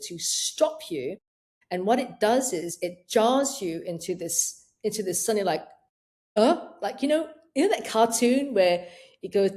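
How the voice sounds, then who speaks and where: A middle-aged woman coaching through an interview, lively and expressive. She jumps into little acted-out voices of her own thoughts, and her pitch swings up and down a lot. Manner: animated, acts out inner voices. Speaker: menopause coach. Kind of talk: interview answers.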